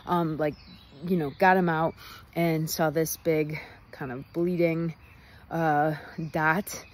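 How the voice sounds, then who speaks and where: A woman's voice: low voice, a little mellow, slight background noise. A young woman recapping her day in a chatty, rambling way, often laughing, recorded on her phone outdoors. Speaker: travel vlogger. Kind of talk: casual recap vlog. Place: outdoors near a highway.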